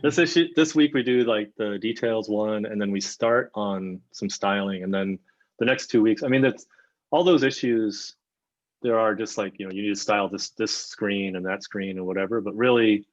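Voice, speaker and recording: Brief: low man, playful mentor, muffled lo-fi call audio. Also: normal speed. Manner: chatty, playful, laughs easily. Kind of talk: casual video call chat. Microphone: video call.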